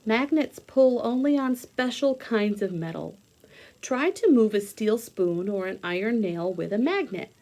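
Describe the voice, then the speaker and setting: Warm and unhurried, this woman's medium-pitched, animated voice guides young children through a hands-on read-aloud lesson. She thinks aloud and breaks everything into simple steps, recorded on a homemade video with noticeable background noise.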